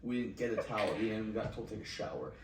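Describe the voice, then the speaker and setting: A man's voice: on the low side, fairly even intonation, racing. A young man co-hosting a podcast with casual, crude, teasing banter. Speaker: podcast co-host. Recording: echoey room, distant from the mic.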